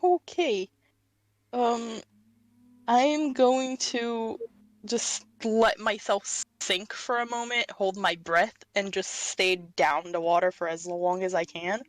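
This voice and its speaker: A woman taking her turn as a player in a tabletop game, slow and deliberate, with a blunt manner and casual cursing. Her voice is mid-pitched, and the recording is dry with no room around it. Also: steady tone, dry recording, rough recording.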